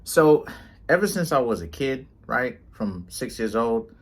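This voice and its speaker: A tarot reader and vlogger in his 30s, born in Trinidad and Tobago and raised in New York City, rambles casually to the camera, constantly tagging lines with "right?" and "you know what I'm saying." His medium-pitched voice is sing-song and a little slow, with a breathy edge.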